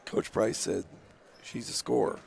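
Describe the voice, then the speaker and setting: A low, gravelly man's voice gives play-by-play for a local girls' basketball game. He reads out the score and the time left at an even pace. His voice is scratchy and has a lot of rasp. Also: measured pace. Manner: steady play-by-play, reading scores and clock times. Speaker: play-by-play announcer.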